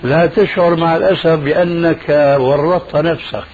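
A man's voice: fairly high pitch, steady tone, moderate pace. Pressing male scholar on muffled radio. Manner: pressing, argumentative, rhetorical questions. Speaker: religious scholar answering callers. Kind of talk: call-in radio Q&A.

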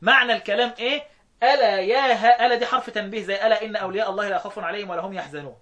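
A man with an Egyptian Arabic accent teaching Quran recitation rules, often questioning his students and chanting verses slowly. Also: high-pitched, a bit bright, lo-fi sound. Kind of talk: explaining recitation rules in a lesson.

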